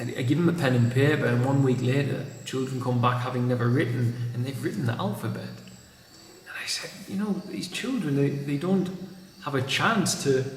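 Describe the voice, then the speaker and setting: A man vlogging in a reflective, unhurried way, recorded in an empty room with a big hall echo. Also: mid-range voice, a little hiss or hum. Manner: thoughtful, unhurried, restarts phrases. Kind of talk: reflective monologue. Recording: echoey empty room with long reverb.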